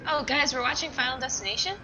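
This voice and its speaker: A woman's voice: high voice, fast talker, a crowd in the background, low-quality recording. A woman co-hosting a comedy movie podcast, tossing in playful quips. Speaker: co-host. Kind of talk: casual comedic movie commentary. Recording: podcast with music bed.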